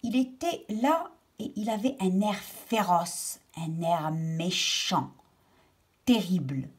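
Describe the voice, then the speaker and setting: A woman's voice: lowish voice, slow pace, husky. A woman teacher reading a children's story aloud and patiently explaining its words to young pupils.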